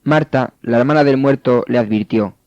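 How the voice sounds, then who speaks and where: A man narrating scripture in a steady, measured way. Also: medium pitch, dry recording. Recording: dull, dry studio sound.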